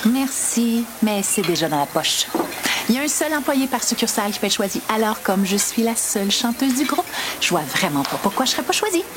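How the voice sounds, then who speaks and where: Vain, animated young would-be singer. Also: female voice, on the high side, a little fast, noisy background. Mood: smug. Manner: showy, self-important. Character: vain, self-confident young woman singer and restaurant worker. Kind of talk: TV sitcom acting.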